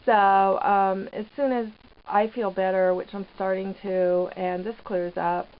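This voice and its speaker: A woman giving rambling, hesitant, casual vlog commentary from inside a small trailer, pausing mid-sentence. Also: medium pitch, level tone, smooth. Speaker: vlogger living off grid in a trailer. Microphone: handheld camera microphone. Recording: dull lo-fi camera audio, background noise.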